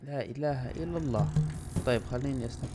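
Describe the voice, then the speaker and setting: Excitable Levantine Arabic gamer guy. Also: fast, very noisy. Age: 20s. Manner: excitable, swinging between loud outbursts and low muttering. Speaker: gaming YouTuber. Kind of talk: let's-play commentary. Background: loud game music.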